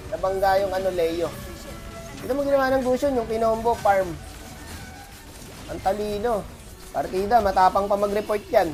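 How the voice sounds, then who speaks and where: A man's voice: high-pitched, darkish tone. Man, gaming streamer, has a cold, chatty, boastful, casual commentary over gameplay, faint background music. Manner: chatty, boastful, talks straight to viewers.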